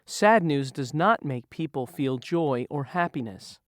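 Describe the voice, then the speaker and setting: In a vocabulary lesson, a narrator patiently quizzes learners on word meanings, reading slow scripted review questions like a teacher. The voice is mid-range with lively intonation and a slightly slow pace, recorded with clean studio sound and no echo.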